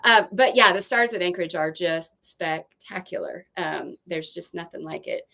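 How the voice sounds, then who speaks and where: A woman's voice: on the low side, normal speed, gravelly, pushed and bright. A woman co-hosting a casual live stream, chatting and reading out viewer comments. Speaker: boat vlog co-host. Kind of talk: casual livestream chat.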